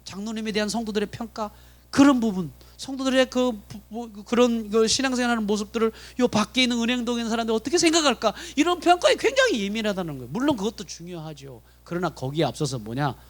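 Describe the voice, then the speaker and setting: A man's voice: high-pitched, lively intonation, quick pace. A man preaching a sermon as pastor at a Friday prayer meeting in a church, often putting questions to the congregation. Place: church sanctuary.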